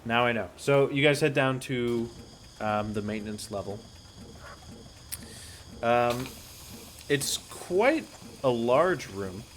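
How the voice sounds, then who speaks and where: A man narrating a tabletop game as game master, describing scenes slowly and searching for the words. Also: mid-range voice, animated, a little hiss or hum.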